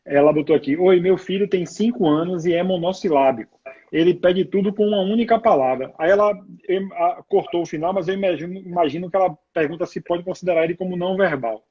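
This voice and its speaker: Man, live host; husky, a bit high, reads comments, dull lo-fi call sound. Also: fast talker. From Brazil. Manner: reads viewer comments, hesitant restarts. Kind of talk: casual live interview. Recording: dull lo-fi video call audio.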